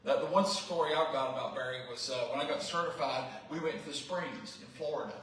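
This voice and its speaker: A man's voice: a little high, fairly quick, a bit bright. A man in his fifties giving a rambling, anecdotal memorial speech. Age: 50s. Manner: rambling, anecdotal, with many fillers. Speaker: eulogy speaker. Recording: echoey hall, mic far off.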